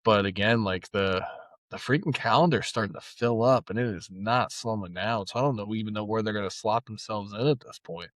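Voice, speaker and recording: Young male podcast co-host, lowish voice, excitable and slangy, dry sound. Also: brisk, dry recording. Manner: excitable, slangy, curses casually. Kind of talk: casual gaming podcast chat.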